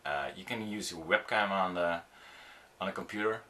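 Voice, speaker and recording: Low-voiced man teaching on camera. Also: sharp tone. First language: Dutch. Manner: halting, many ums and restarts, demonstrative. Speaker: audiovisual producer teaching on-camera skills. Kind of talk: informal video tutorial.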